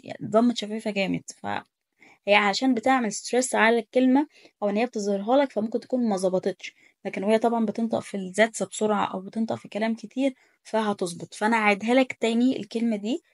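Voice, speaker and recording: A woman's voice: medium pitch, a little mellow. An Egyptian Arabic-speaking woman teaching German pronunciation in a casual tutorial, correcting and repeating sounds with emphasis.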